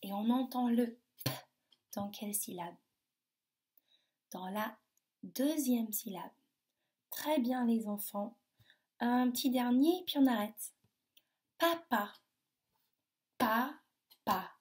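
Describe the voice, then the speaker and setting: A woman teaching a phonics lesson to young children, sounding out words slowly with over-articulated, emphatic syllables. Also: on the high side, mellow.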